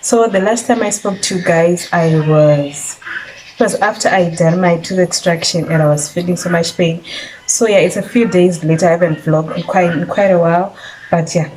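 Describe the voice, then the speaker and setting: A young woman from Zimbabwe talks casually to her viewers, calling them besties and leaning on "so yeah" between thoughts. Her voice is fairly low and mellow, with a slight lisp from a painful jaw after a tooth extraction. A faint background hum sits under the talk. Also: fairly even intonation, normal speed, rough recording. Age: 20s. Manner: chatty, repeats "so yeah", addresses viewers as besties. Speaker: vlogger. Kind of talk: casual vlog talk to camera. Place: rural home.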